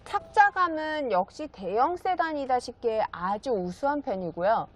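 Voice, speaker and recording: A woman's voice: high voice, animated, moderate pace, a little hiss or hum. A woman used car dealer giving a polished, polite, promotional sales narration as she presents a car.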